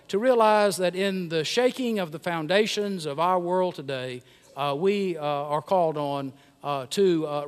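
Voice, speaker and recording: A male preacher delivers a sermon with a slightly high, smooth and resonant voice. He talks in measured phrases full of long "uh" pauses. A long church reverb trails every word. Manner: measured, with many drawn-out "uh" pauses. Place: church sanctuary.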